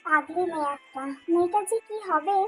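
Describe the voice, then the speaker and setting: Woman as a scolding middle-aged mother, very high-pitched, for a dubbed fan drama. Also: fairly quick, fairly bright tone, faint music behind. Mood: bossy. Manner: scolding, giving orders.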